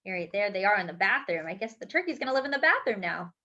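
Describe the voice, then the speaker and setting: This children's storybook reader is a fast-talking woman with a medium-pitched voice, animatedly performing a picture book's dialogue and adding chatty asides. The sound is dull and lo-fi.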